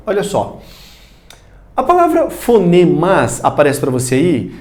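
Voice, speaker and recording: Brazilian male prep teacher, high bouncy voice, casual and chatty. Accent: Brazilian Portuguese. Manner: lively, chatty, plays student questions himself. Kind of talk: recorded video lecture. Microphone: studio recording facing a screen.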